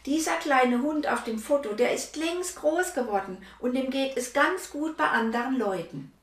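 A woman's voice: high-pitched, expressive, normal speed, roomy sound, distant mic, pitched above the performer's own voice. A woman reading a children's story, voicing a sensible mother who explains and admonishes. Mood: admonishing. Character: sensible lecturing mother of a girl.

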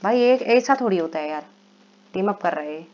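A man giving excitable live commentary while he plays, yelling and pleading in bursts. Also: high-pitched, normal speed. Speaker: gaming vlogger. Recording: lo-fi with steady background noise.

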